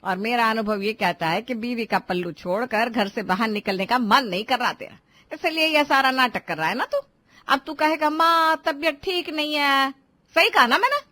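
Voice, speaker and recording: A woman's voice: a little high, normal speed, pauses often, bright, forceful tone, no room sound. A woman voicing a scolding middle-aged mother who lectures her grown son. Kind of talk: Hindi cartoon voice acting.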